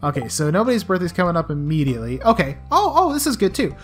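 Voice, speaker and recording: A woman's voice: lowish voice, very animated, fast talker. A young woman with a scratchy voice giving playful, chatty commentary as she hosts a let's play. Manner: playful, chatty, talks to game characters. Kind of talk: casual game commentary. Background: soft game music.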